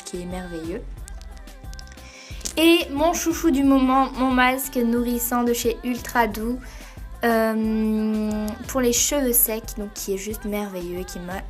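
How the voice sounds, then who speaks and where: Young girl narrating her routine over quiet music, kinda high voice, lots of euhs. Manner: hesitant, many fillers. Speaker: beauty vlogger. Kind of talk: casual voice-over explaining a routine. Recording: voice-over with faint music behind.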